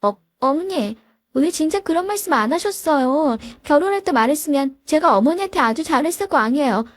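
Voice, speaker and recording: A woman voicing a spoiled young daughter-in-law with a sharp, whining voice. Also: sits high, animated, brisk, dry recording, studio quality, pitched above the performer's own voice. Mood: pleading.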